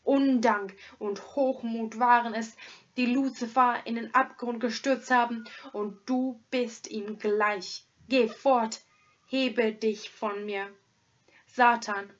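An old hermit in a storybook reading, crying out in anguish and condemnation, as a woman puts him on. The voice sits high, and the words come slowly. The recording sounds dull and lo-fi. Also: steady tone. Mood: furious. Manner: wailing, condemning, raised voice. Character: agitated old hermit holy man.

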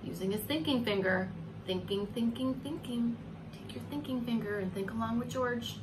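A woman in her forties, reading aloud as a preschool teacher, uses a slightly high voice at a moderate pace. She brings the children's story to life expressively, stretching words and addressing her young listeners with coaxing questions. Obvious noise fills the home recording.

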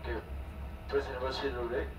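A man's voice: mid-range voice, level tone, very fast. A man with a Malaysian accent working as a machine operator, giving clipped procedural callouts and repeating calls. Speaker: centrifuge operator. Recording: noisy, echoey intercom, distant from mic.

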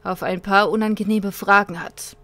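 An old man who lives alone in the desert speaks with calm, measured assurance, as a woman reads his lines aloud from a game story. His voice is of middle height. He is never hurried. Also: mid-range voice, no room sound, close to an everyday voice. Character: weathered old male desert hermit.

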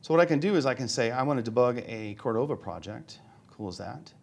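A man speaks from a conference stage, his voice at an everyday middle pitch. He jokes with the crowd and pokes fun at himself as he types commands. He narrates each step of his live demo out loud. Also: expressive, fast talker, vocal fry, slight background noise. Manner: joking, self-deprecating, thinks aloud while demoing. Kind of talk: live tech talk demo. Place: conference hall with live audience.

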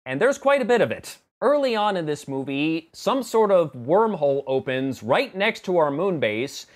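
This man in his thirties, a film review vlogger, speaks a little high with big swings in pitch and an unhurried, moderate pace. Sitting indoors in a small home office, he reviews a movie to camera in a chatty, sarcastic, fed-up way.

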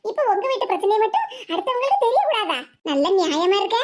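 A blunt cartoon wife, voiced by a performer, fires sarcastic accusations in a Tirunelveli Tamil accent. The voice is very high and lively in pitch. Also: fast talker, exaggerated voice. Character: blunt sharp-tongued middle-aged wife.

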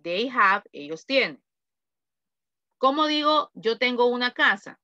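A woman's voice: a little high, sing-song, measured pace, bright, forceful tone, no room sound. A woman teaching an online English class, prompting students with questions. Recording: dull lo-fi audio.

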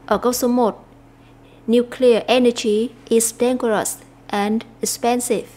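A Vietnamese woman teacher explaining an English lesson, slowing down to read English phrases aloud. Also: fairly high pitch, steady tone, dark tone.

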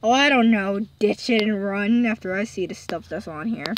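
A woman's voice: mid-range voice, moderate pace, slight background noise, poor audio. A woman playing a horror game and commenting casually, jumping in fright often and reading the game's text aloud. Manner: jumpy, often exclaims in fright. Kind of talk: casual let's-play commentary.

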